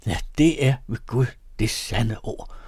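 A man's voice: medium pitch, a little mellow, slightly rough, no room sound, clean studio sound. A man doing a smug, chatty townsman. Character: prudent pompous townsman, self-satisfied.

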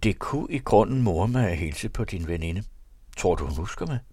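Man doing a brisk middle-aged sister, wry and sensible, dry close sound. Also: low voice, animated, darkish tone, husky, no room sound.

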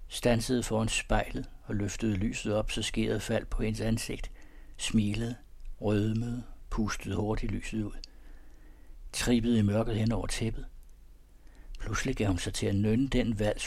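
A man calmly reading a romantic story aloud in a measured, softly expressive way. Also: on the low side, gravelly, husky. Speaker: narrator. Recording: dry close recording.

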